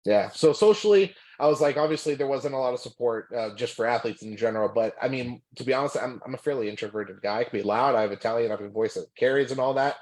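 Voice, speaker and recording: A young Californian man, once a college football lineman, chats candidly as a guest from a room in his home. His medium-pitched voice moves fast with hardly any pauses, relaxed and full of fillers and restarts, and he laughs often during the casual interview.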